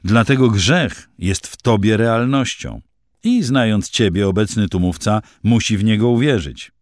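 A man voicing a calm male teacher who speaks for the dead, measured and gently reproving. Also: lowish voice, no echo, clean studio sound.

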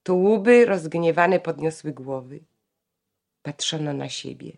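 Woman narrator, low-ish voice, measured expressive audiobook reading. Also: vocal fry.

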